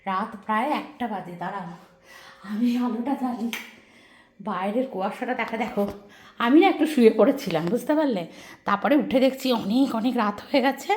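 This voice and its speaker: A woman's voice: fairly high pitch, brisk, darkish tone, a little hiss or hum. A middle-aged woman from West Bengal, talking chattily to her viewers in a casual home vlog. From West Bengal, India. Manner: chatty, addresses viewers directly. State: out of breath. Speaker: vlogger.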